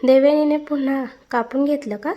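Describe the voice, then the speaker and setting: A woman's voice: high-pitched, fairly even intonation, normal speed, lo-fi sound, lightly acted. A woman narrator voicing a young male friend in a storybook drama, sleepy and concerned on the phone. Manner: drowsy then concerned questions. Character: young adult man, sleepy, caring friend.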